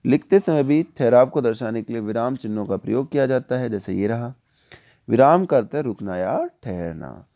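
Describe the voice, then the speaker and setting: A male teacher explaining a worksheet to children, often putting questions to the class and slowing down for examples. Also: mid-range voice, animated, vocal fry, mellow. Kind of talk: online worksheet lesson for children.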